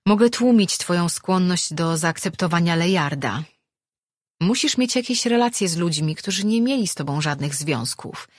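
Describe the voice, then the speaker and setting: Woman putting on a sorceress, wry, teasing, husky, raised pitch, dry close sound. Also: animated, normal speed, no echo. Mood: teasing advice. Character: wry, self-assured woman, an ancient sorceress.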